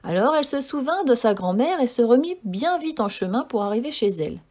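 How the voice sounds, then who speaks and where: Woman narrating a fairy tale, slightly high voice. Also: very animated, brisk, darkish tone. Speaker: storyteller.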